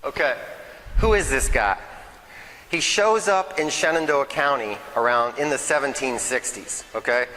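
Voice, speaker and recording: A man's voice: medium pitch, measured pace, bright, forceful tone, big-room sound, a little hiss or hum, rough recording. A man giving a nervous, chatty local history talk to a small audience, often checking in with "okay?" and "right?". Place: meeting hall, in front of a crowd.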